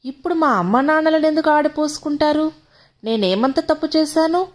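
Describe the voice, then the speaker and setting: A woman's voice: high voice, expressive, moderate pace, pitched above the performer's own voice. A woman reading the part of a timid young wife, pleading and hurt.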